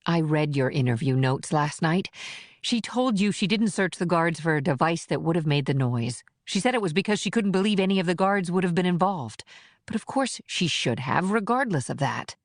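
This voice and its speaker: A woman's voice: fairly low pitch, animated, normal speed, no room sound, clean studio sound. A woman voicing a tough, blunt female federal agent in an audiobook, with clipped, defensive delivery. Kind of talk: audiobook character reading.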